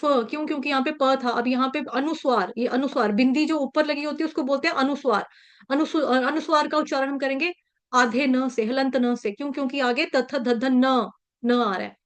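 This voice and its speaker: High-voiced woman teaching verse pronunciation. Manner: patient, repeats syllables slowly to drill pronunciation. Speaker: Sanskrit verse recitation teacher. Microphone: video call.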